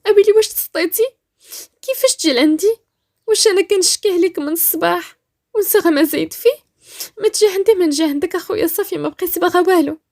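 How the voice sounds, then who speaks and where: A woman with a Moroccan accent voicing a frightened, desperate pregnant young woman who pleads and shouts through tears. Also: extremely high pitch, fast, pitched above the performer's own voice. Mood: indignant. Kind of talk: storytelling voice-acting.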